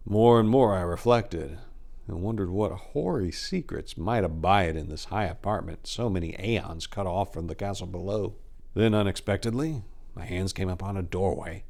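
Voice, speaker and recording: A man playing a lonely, haunted Gothic narrator, delivering a horror story like a hammy stage actor with grave, emphatic, drawn-out words. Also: low voice. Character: lonely, haunted man recounting his dark Gothic ordeal. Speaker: dramatic reader of a horror story. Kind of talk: theatrical first-person horror narration.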